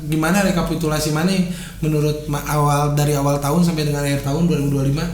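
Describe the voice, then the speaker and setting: Young male podcast host, Sundanese accent, fairly high voice, slangy banter, roomy recording. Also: level tone, fast talker, a little mellow. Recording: roomy echo, faint background noise.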